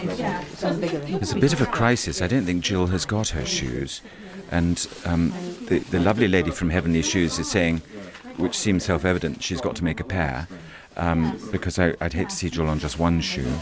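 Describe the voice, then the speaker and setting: A man's voice: low-pitched, normal speed, hardly any pauses. A man working as a radio interviewer, chatting casually in a playful, teasing, mock-incredulous way. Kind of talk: casual interview with chorus members. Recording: loud crowd chatter behind. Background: busy crowd.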